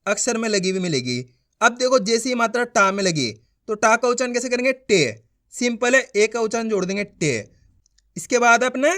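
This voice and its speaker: A patient woman leads a beginners' reading lesson, stretching out each syllable and repeating it so the learners can follow along. Her voice sits high and swings up and down a lot as she asks whether everything is clear. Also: a bit bright. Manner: checks understanding with quick questions. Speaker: teacher.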